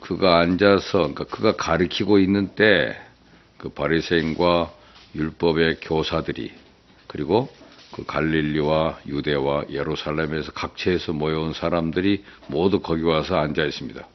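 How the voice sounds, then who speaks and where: A man's voice: very deep voice, fairly even intonation, normal speed. A male pastor preaching a sermon, telling folksy dialect jokes to make his point. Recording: dull lo-fi recording.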